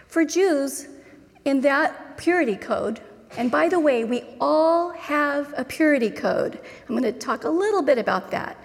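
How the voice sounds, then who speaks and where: A woman pastor preaching a sermon in slow, deliberate phrases with measured pauses. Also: high-pitched, animated. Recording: long reverb of a large hall.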